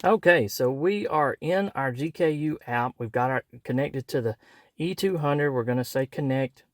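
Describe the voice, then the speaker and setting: A man's voice: a little high, measured pace, no echo, studio quality. A man reviewing a product, talking through its setup in a folksy, conversational way. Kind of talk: casual product review demo.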